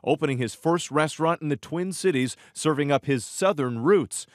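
A man in his forties anchoring a morning TV show, reading a smooth scripted intro and chatting upbeat with a guest chef in a studio on a lapel mic. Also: fairly high pitch, moderate pace. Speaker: TV news anchor. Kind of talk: morning show presenting and interview.

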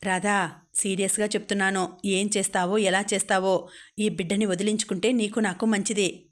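A cold, mocking husband, read by a woman narrator, every line cutting and contemptuous. The delivery stays flat with a narrow pitch range. It sits in a storybook reading. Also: moderate pace, close to an everyday voice. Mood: scornful. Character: harsh, sneering young husband.

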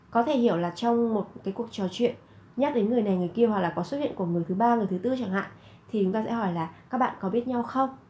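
A woman from Vietnam, teaching Korean phrases slowly and repeating each one before explaining it. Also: fairly high pitch, darkish tone, slight background noise. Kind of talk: slow explanatory lesson narration.

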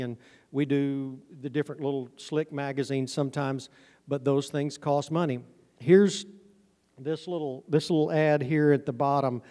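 This honey farm business owner, a middle-aged conference speaker, has a fairly high, slightly mellow voice and an informal, folksy, self-deprecating style. His handheld mic feeds the PA of a large indoor auditorium, and the audience camera recording carries the stage system's reverb.

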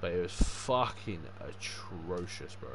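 A young gamer with a fairly low voice speaks slowly but with animation during a casual livestream. He is loose-tongued, swears a lot and uses matey slang, while background noise and game ambience sit clearly beneath him.

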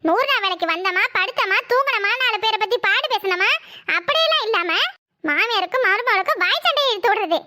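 A sharp-tongued village woman scolds in a voice pitched very high and piercingly bright, as a woman acts her out. She taunts in a cartoon scene. Her talk is quarrelsome and cutting. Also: animated, fairly quick, no echo, clean studio sound, exaggerated voice. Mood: scolding. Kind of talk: cartoon voice acting.

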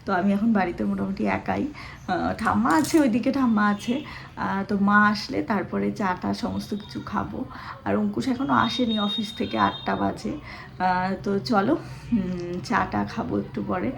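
Hoarse woman vlogging at home, keeps her voice soft and easy cuz her throat's sore, mid-pitched. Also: moderate pace, a little hiss or hum. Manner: speaks softly and carefully to spare her voice. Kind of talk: casual vlog chat.

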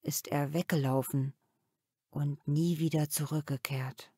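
A woman voicing a gentle, thoughtful father who talks calmly and a little sadly, in a children's audiobook. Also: deep voice, measured pace, slightly rough, no room sound, studio quality. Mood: reflective. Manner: calm, reflective storytelling.

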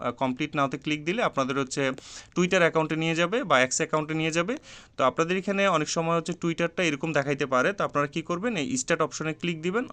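A man explains an online task one click at a time, his voice slightly raised in pitch. His tone is smooth and clear. He hesitates often, stretching his fillers and repeating steps. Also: fairly bright tone. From Bangladesh. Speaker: online earning tutorial host. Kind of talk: step-by-step screen tutorial.

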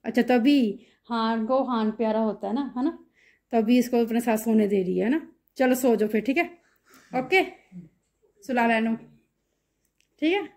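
A woman talking softly to her children and the camera at home late at night, recorded on a phone. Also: a little high, a little slow, long pauses. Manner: soft, coaxing talk to children at night. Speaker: vlogger, mother. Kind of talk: casual home vlog.

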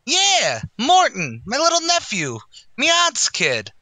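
In a 1940s radio comedy, a brash, boastful New tavern manager rattles off streetwise wisecracks in a chatty, heavily acted way. His high, bright, sharp-edged voice swoops wildly up and down, though his pace is slow. The sound is dry and close, with no room sound.

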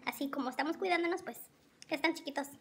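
A chatty woman in her thirties talks to her viewers in a very high, bright voice. She films herself on a phone held at arm's length, and the recording carries clear background noise. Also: fast talker. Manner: chatty, keeps addressing viewers as friends. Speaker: vlogger. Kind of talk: casual chat to camera. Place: home kitchen and car.

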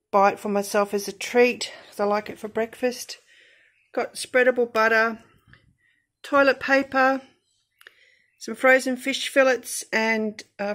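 Slow-talking Australian woman, budget vlog. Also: a little high. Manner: chatty and thrifty, listing items with frequent ums. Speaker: vlogger. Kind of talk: grocery haul vlog. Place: discount shop aisle, then at home over groceries.

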